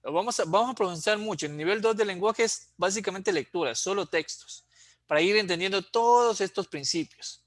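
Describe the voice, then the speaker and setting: A man's voice: sits high, brisk, no room sound. A man teaching an exam prep lecture, explaining patiently and checking in often with "¿sí?".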